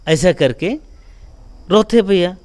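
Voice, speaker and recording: A man with a Chhattisgarhi accent telling a local folk legend in a casual, animated way, often filling with "jo hai na". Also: high voice, slow pace. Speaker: storyteller guest.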